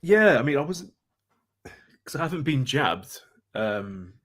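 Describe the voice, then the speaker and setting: A man's voice: fairly high pitch, very animated, a little slow. A man, chatting casually as a guest and often restarting his sentences. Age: 20s. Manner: hesitant, many restarts and fillers. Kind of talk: casual chat.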